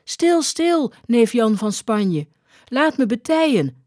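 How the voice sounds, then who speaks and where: A woman voicing a drunk, bewildered young woman who pleads and wails in a high, plaintive voice. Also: sing-song, slow, a little mellow, no echo, clean studio sound. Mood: drowsy.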